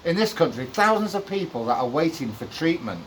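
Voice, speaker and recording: A man's voice: a little high, sing-song, fairly quick, slight background noise. A man chatting casually with a colleague, asking questions in easy, slangy speech. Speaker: co-host. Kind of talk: casual chat.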